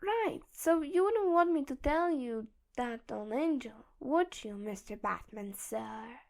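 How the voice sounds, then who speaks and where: A cheeky young man with mock innocence, as a woman reads him in a fan audiobook. The voice rides fairly high and the words come slow and deliberate. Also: animated, creaky, heavily acted. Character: young male informant, cheeky and joking.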